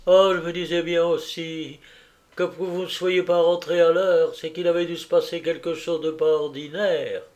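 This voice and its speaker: A man's voice: fairly high pitch, little pitch movement, moderate pace, darkish tone, voice pushed up, lightly acted. A man reading aloud and voicing an effusive, kindly older landlady who chatters breathlessly with constant exclamations. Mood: fussing. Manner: breathless, gushing, full of exclamations.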